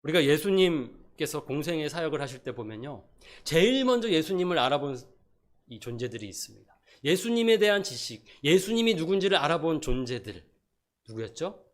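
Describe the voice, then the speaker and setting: A middle-aged man preaching a sermon as pastor, moving between loud emphasis and soft asides, and acting out pleading prayers. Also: a little high, sing-song, fairly quick. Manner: acts out prayers and quotes in a pleading voice.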